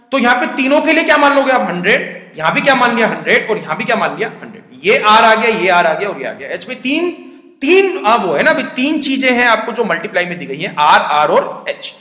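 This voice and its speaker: A high-pitched man, teaching a math lesson in a brisk, coaxing way and answering his own questions. His voice rings around a roomy space with a long reverb tail. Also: animated, bright, forceful tone. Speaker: aptitude teacher. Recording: echoey room with long reverb.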